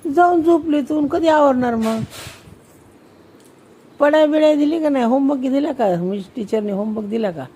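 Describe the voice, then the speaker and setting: A young woman, a mother, chatting playfully with her little daughter, teasing her with lots of quick questions. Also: high voice, warm tone.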